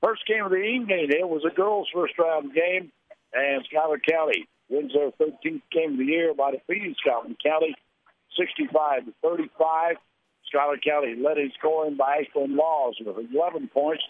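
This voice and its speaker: An American man hosting a live radio sports broadcast, reading scores and statistics in a play-by-play commentary style over a narrow-band signal. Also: on the high side. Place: live from a high school tournament.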